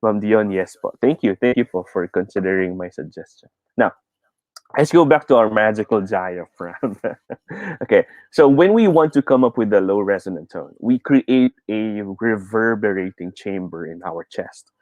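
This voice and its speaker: A man's voice: lowish voice, expressive, moderate pace, a little mellow, no room sound, lo-fi sound. A young Filipino man teaching a live online speech lesson, explaining in mixed English and Filipino and chuckling often.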